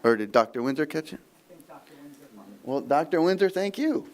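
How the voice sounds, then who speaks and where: A man's voice: a little high, lively intonation, moderate pace. A man chairing a public committee meeting in an easygoing, lightly joking way.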